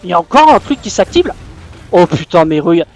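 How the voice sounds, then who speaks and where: A man giving live gameplay commentary as a gaming YouTuber, raging and swearing with loud exclamations. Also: high voice, sing-song, fairly quick, faint music behind.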